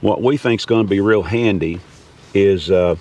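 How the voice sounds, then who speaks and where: An American man hosts a casual, unscripted gear review vlog, rambling in a folksy way. His voice is low, dark, and a little slow, recorded from a distance with clear background noise.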